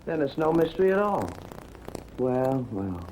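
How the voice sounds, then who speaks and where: An actor playing a sarcastic ex-cop private detective with a Brooklyn accent, in 1940s film acting with a breezy, wisecracking delivery. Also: male voice, medium pitch, sing-song, a little slow, darkish tone, rough recording. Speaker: private investigator. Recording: old film soundtrack with faint hiss.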